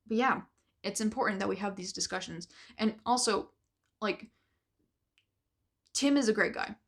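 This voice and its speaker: Young woman vlogging, earnest and rambly, voice going rough and gravelly. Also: mid-range voice, a bit bright. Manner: earnest, rambling, lots of fillers. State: losing her voice. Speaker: author and vlogger. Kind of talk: casual talking-head vlog.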